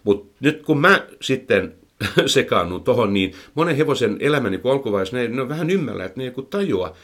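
A man's voice: mid-range voice, very animated, a bit bright. A man speaking as a horse trainer, explaining his methods at length in casual chat, with frequent fillers and repeated words. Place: indoors, recorded for a microphone.

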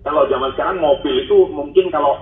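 A man's voice: on the high side, quick pace. Man in his forties, thin phone-like sound. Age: 40s. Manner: storytelling, hesitant with frequent fillers. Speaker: interview guest. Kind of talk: casual interview talk. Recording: echoey, distant, phone-like audio.

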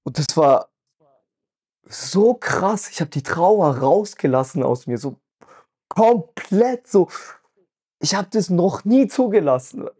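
A man talks through a personal experience in a casual, earnest way, often checking in with his listener. His voice sits a little high but sounds dark and mellow, with a husky edge. He speaks as a podcast host sharing something that moved him. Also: expressive, takes it slowly, long pauses. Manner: earnest, emotional, full of "weißt du" fillers.

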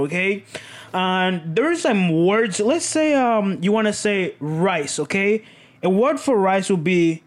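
Male podcast host with a high voice. Casual, rambling, animated, checks in with "okay?" a lot. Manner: rambling, tags lines with "okay?"; laughs at himself, animated. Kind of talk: casual chat.

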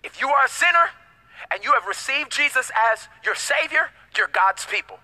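A man's voice: very high-pitched, animated, moderate pace, sharp tone, rough recording. A man preaching a sermon as pastor, emphatic, with call-and-response and casual slangy asides.

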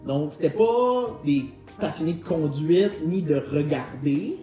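A Québécois man hosts a casual podcast in a roomy space with light music behind him. His voice is a little high yet mellow, and he tells stories in joking, colloquial speech. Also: animated, slow. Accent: Québécois French. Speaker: podcast host presenting a car segment. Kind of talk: casual chat and storytelling. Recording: roomy echo, music underneath.

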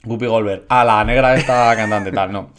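Animated man telling a story. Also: lowish voice, moderate pace, a little hiss or hum. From Spain. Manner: animated, acts out quotes of others. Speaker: podcast co-host. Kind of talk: casual comedic storytelling.

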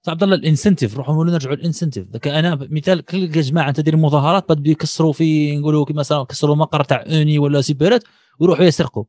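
Fast-talking Algerian man, animated. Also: a little high, no echo, studio quality. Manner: animated, argumentative, many examples. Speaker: discussion participant. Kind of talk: casual panel discussion.

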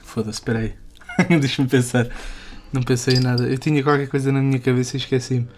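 A man's voice: mid-range voice, little pitch movement, fast, a little hiss or hum. A young man with a European Portuguese accent co-hosting a casual podcast from home, with loose, swearing, laughing banter. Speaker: podcast co-host. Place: home room.

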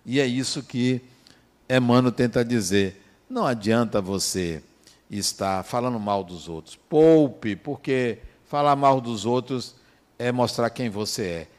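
A man in his fifties, a psychologist, giving a reflective talk and telling stories from his practice in an animated way. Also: measured pace. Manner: animated storyteller, swings between soft asides and sudden high emphasis. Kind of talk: reflective talk with personal anecdotes.

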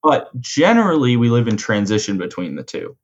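A man in a conversational coaching role, explaining ideas in a measured way and rephrasing his points. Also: mid-range voice, sing-song, highs cut off. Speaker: host and coach explaining mental frameworks.

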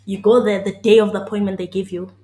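A woman's voice: mid-range voice, little pitch movement, fast talker, dark tone, reverberant. A woman from South Africa co-hosting a casual podcast chat, talking in an earnest, emphatic way. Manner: earnest, emphatic, talks through ideas at length.

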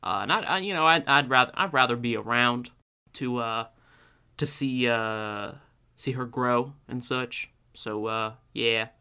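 Man putting on a bright-voiced vampire dad, folksy put-on accent, halting, easygoing. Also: mid-range voice, clear, resonant tone. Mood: rambling. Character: easygoing middle-aged dad turned vampire.

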